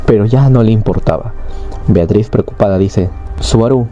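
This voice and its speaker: A man's voice: on the low side, normal speed, warm tone, muffled recording, faint music behind. A man casually retelling an anime story, rambling along with fillers and tag questions. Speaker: anime recap narrator.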